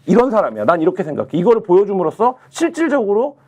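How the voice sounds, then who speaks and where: A man's voice: high-pitched, quick pace. A man on a political talk show, arguing his point with rhetorical questions. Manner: animated, argumentative, rhetorical questions. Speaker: political panelist.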